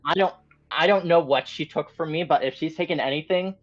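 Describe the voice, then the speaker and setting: A woman with a notably deep voice plays a tabletop game, eagerly calling out her moves. Her mic sounds dull and lo-fi, with faint music underneath. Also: brisk. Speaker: player. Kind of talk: casual tabletop game play.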